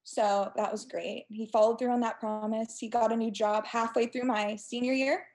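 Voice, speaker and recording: Chatty young woman with a gravelly edge. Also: fairly high pitch, moderate pace. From United States (Texas). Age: 20s. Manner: chatty, animated storytelling. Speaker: guest. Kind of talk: casual interview.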